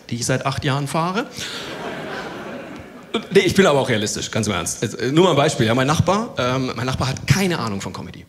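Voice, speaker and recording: Lively German stand-up comedian on stage. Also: male voice, mid-range voice, noisy background. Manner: chatty, acts out others' voices in anecdotes. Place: theater stage before a live audience.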